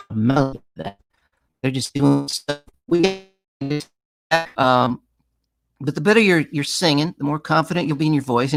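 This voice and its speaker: Male songwriting teacher, gravelly voice, loose and chatty, given to sung examples. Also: on the high side. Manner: conversational, full of restarts, breaks into sung and acted examples. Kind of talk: casual masterclass talk.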